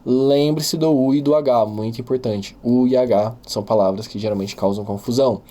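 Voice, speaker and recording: A man whose first language is Portuguese, teaching a beginner English lesson and patiently repeating each example word slowly. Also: mid-range voice, dark tone.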